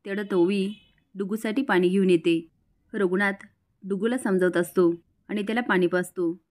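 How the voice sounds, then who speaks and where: A woman recounting a family drama, scene by scene. Her voice sits at an ordinary middle pitch. She narrates in a brisk, plain way. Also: steady tone, darkish tone. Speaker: storyteller. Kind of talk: retelling a TV serial episode.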